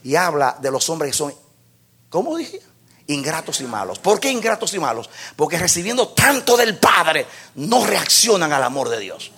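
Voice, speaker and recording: A male pastor preaches with passion in a high, gravelly voice. His tone is husky, and he climbs to shouted peaks to drive his points home. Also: sing-song, moderate pace, hardly any pauses. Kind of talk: sermon.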